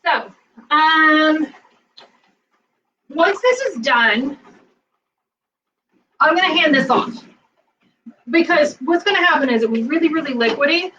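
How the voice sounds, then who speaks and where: A woman's voice: high voice, expressive, takes it slowly, long pauses, pushed and bright, recorded from a distance, dull audio. A woman chatting casually as she walks through a recipe in her home kitchen, rambling with lots of fillers. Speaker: cooking vlogger. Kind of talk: casual cooking demo.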